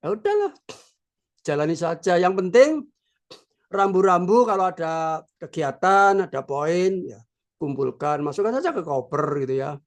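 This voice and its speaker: A man in his sixties, a philosophy professor, giving an informal lecture in a slow, reflective way with many filler words. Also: a little high, lively intonation. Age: 60s. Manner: unhurried, reflective, with frequent filler "ya".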